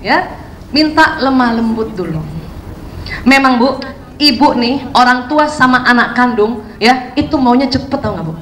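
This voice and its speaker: High-voiced woman giving a chatty seminar. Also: lively intonation, a little slow, a bit bright, a little hiss or hum. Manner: chatty, keeps asking the audience questions. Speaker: seminar speaker on parenting. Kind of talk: lively seminar talk to an audience. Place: seminar hall with an audience. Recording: roomy hall sound, faint ambience.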